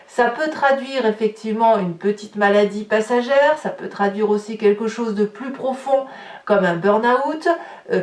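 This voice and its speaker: Tarot reader in an echoey room. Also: female voice, mid-range voice. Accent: French. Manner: talkative, many fillers and restarts. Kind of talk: tarot reading for viewers. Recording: echoey room, voice a bit far from the mic.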